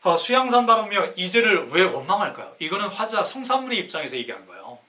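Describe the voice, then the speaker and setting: A man whose voice sits high, with big pitch swings, a fast pace and a sharp tone, delivers a live-streamed lecture on classical poetry. The host is a city councilor who, despite a sore throat, speaks emphatically and didactically, stretching key words and answering his own rhetorical questions.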